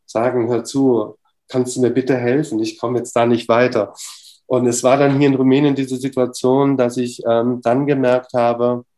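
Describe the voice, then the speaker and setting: Man, middle-aged, mellow tone, even pitch, chatty and animated, fillers, acted-out dialogue. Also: normal speed. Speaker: interview guest. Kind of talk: casual storytelling.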